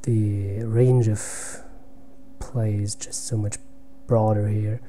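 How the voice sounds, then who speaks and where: Playing online blitz, a German-native chess player gives live commentary on his own game in a soft, rather low voice with a flat delivery. He thinks out loud haltingly, sinking almost to a whisper during calculations, and there is slight background noise.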